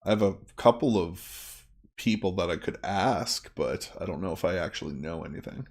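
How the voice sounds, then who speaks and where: A man's voice: low-pitched, expressive, normal speed, creaky. A man playing a tabletop role-playing game, chatting casually in a crude, profane, joking way.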